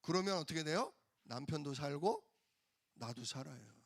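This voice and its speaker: High gravelly preaching pastor. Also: male voice, animated, normal speed, no echo, studio quality. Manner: emphatic, rhetorical questions to the congregation. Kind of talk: sermon. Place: church.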